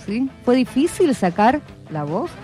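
A woman's voice: fairly high pitch, very animated, a little slow, warm tone, soft background music. A woman hosting a radio show, chatting casually with children and often checking in with short questions. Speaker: radio host. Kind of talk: casual interview with schoolchildren.

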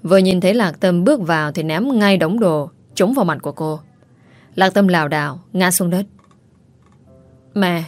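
A woman narrating a dramatic story in a steady reading voice. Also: on the low side, brisk.

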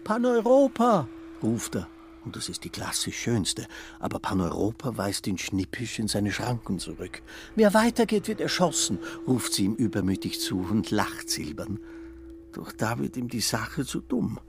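A man narrating a dream scene in a radio play, in a lively, playful storytelling manner. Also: lowish voice, moderate pace, creaky, a little hiss or hum.

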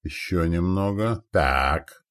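A man reading a story voicing a young male crossbowman who shouts orders in battle. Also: low voice, expressive, slow, full character voice. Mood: shouting orders. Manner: shouted commands.

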